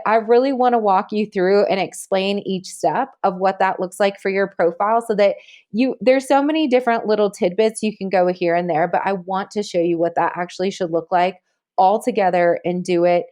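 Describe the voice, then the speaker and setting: A woman's voice: medium pitch, darkish tone. A woman guest on a podcast interview, talking energetically and chattily, often breaking into laughter. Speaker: guest, marketing agency CEO.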